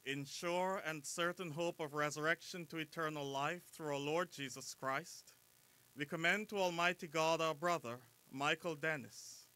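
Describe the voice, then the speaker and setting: A man reading the committal prayer at a burial in a solemn, deliberate way. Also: a little high, bright, forceful tone. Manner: solemn, deliberate, slowing on key phrases. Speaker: officiant at a burial service.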